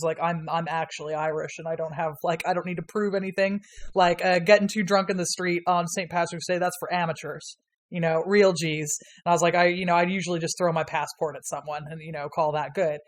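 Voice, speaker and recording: A woman with a lowish voice appears as a guest on a laid-back podcast. She's a history lecturer who rambles through stories, leaning on constant fillers, laughing frequently and swearing casually.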